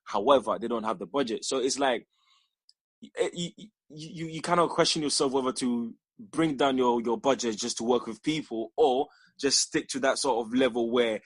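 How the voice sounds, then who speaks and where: A young man from Ghana talks about his film company in a relaxed interview, his voice a little husky and close-miked with almost no room around it. He rambles, restarts his sentences and laughs easily. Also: medium pitch, normal speed, dry recording. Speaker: filmmaker guest. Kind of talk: casual interview chat.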